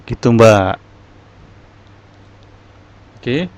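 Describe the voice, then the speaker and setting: Speaking very slowly in an expressive, darkish, medium-pitched voice, a man teaches an English class online. He walks his students through each step and offers encouragement, though the lo-fi recording sounds dull and carries faint noise.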